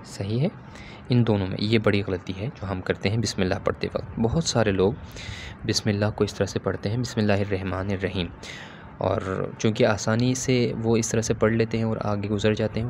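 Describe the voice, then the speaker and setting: A man teaching Quran recitation in a patient, step-by-step way, stopping to model Arabic sounds slowly and with stress. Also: lowish voice, level tone, gravelly, darkish tone, a little hiss or hum. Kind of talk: instructional talk on pronunciation.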